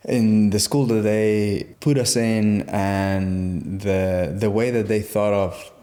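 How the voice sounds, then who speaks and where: A young man from Guatemala, reflecting on his upbringing in a casual interview, with pauses and restarts. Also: on the low side, fairly even intonation, warm tone. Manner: reflective, halting, with fillers and restarts. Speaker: interview guest.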